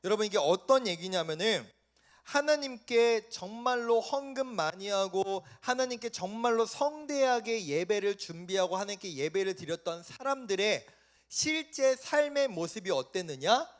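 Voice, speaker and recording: A young man preaching a sermon to high school students in a church, animated and often questioning his listeners. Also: moderate pace. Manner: animated, questioning the listeners, acting out quoted voices. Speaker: youth pastor. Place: church sanctuary.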